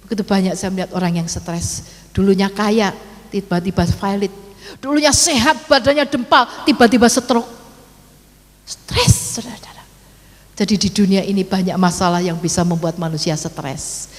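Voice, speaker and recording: A woman's voice: medium pitch, steady tone, brisk. Impassioned woman preaching in an echoing hall. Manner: impassioned, swinging between soft and loud. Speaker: pastor. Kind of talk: sermon. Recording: long reverb of a church hall.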